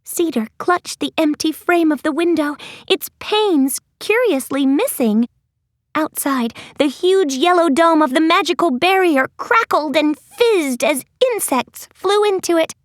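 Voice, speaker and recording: Woman narrating a kids audiobook, high lively voice, slow and playful, dry close mic. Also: dry recording.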